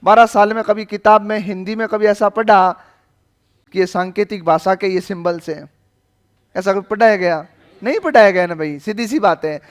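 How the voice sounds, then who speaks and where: A male teacher lectures in a fairly high voice. He keeps questioning the class, repeating each question until someone answers. He teases the students with jokes along the way. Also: moderate pace. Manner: joking, questioning.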